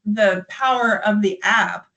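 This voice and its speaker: Woman from the us running a software training, chatty and friendly, middle pitch. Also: slow pace, vocal fry, rough recording. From United States. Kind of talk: live software training webinar.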